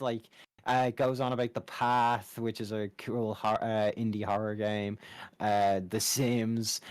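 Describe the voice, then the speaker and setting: Exasperated young man swearing casually. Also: mid-range voice. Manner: exasperated, swears freely, quick defensive replies. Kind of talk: casual podcast chat.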